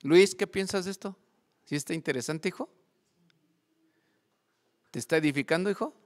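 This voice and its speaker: A male pastor, speaking in a fairly high voice. He preaches a church sermon and keeps quizzing his listeners with call-and-response questions. His voice carries a long reverb from a church hall. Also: normal speed. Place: church service.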